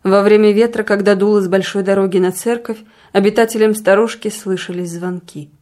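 A woman reads a classic story aloud at an even, measured pace. Her voice sits at a middling pitch. Her narration stays calm throughout. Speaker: audiobook reader. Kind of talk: literary narration.

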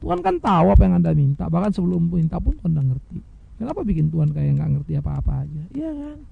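Male pastor, high raspy-gravelly voice, animated sermon, lo-fi dry tape. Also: fast. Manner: animated preaching, rhetorical questions, addresses congregation as brothers. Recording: dull lo-fi dry recording.

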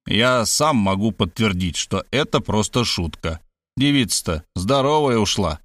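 A man's voice: lowish voice, lively intonation, a bit bright, no echo, clean studio sound. A man voicing a brash, cynical male friend with crude, mocking talk in an audiobook. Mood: scheming. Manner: mocking, crude, fast-talking. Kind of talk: audiobook character voice.

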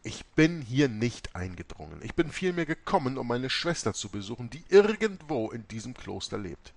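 A man reading a first-person memoir aloud, telling it in a dramatic, expressive way. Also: medium pitch, moderate pace, vocal fry. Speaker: audiobook reader.

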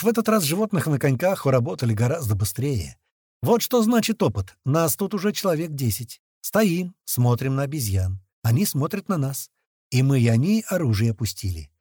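Lively man narrating an audiobook. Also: mid-range voice, husky, dry recording, clean studio sound. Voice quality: lively, expressive delivery, shouting the dialogue lines. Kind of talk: audiobook narration with acted dialogue.

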